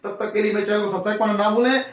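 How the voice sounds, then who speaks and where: High-voiced man teaching maths, roomy echo. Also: fairly even intonation, very fast, recorded from a distance. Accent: Hindi as spoken in western Uttar Pradesh. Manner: talks through steps, addresses viewers as brother. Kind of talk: worked-solution lesson.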